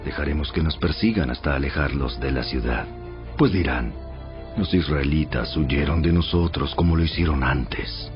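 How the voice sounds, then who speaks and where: An actor playing a firm, commanding ancient war leader giving orders in a dramatized audio Bible. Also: male voice, a bass voice. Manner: firm, deliberate, authoritative. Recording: muffled band-limited audio. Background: prominent background music.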